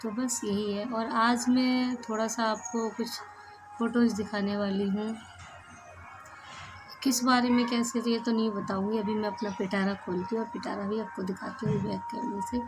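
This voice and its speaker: A woman's voice: mid-range voice, little pitch movement, moderate pace, music in the background, poor audio. A woman vlogger chatting casually to camera in a rambling, homely way while recovering from a cold.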